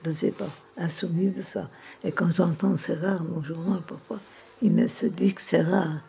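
A woman's voice: on the low side, steady tone, normal speed, creaky, breathy edge. An elderly woman in a nursing home room chatting tenderly with a visitor, rambling and humming old songs. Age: older. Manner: calls the listener "my little heart" constantly, rambling and tender; hums and half-sings old songs softly. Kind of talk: casual chat with a visitor.

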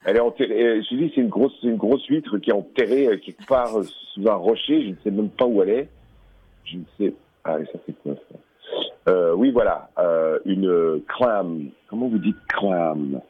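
A man calls in to a radio show and stays in character as an explorer inside a video game. He sounds hesitant and distracted, often breaking off to comment on what he sees. His voice is low and husky, and it comes through a tinny, dry phone line. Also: normal speed, no room sound.

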